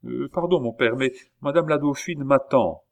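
A man's voice: medium pitch, moderate pace, vocal fry, pitched above the performer's own voice, lightly acted. A man reading an audiobook and voicing a polite, restrained young noblewoman answering her father. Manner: polite, restrained, soft-spoken. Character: composed young noblewoman, dutiful daughter.

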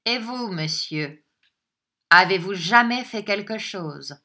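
A woman's voice: medium pitch, expressive, takes it slowly, bright, forceful tone, exaggerated voice. Curt scornful old miser, read by a woman. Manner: curt and impatient.

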